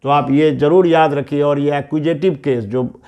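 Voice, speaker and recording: A man with an Indian accent teaching English grammar, going through each point step by step and reading out example phrases slowly. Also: on the high side, steady tone, darkish tone. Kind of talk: classroom-style grammar lesson.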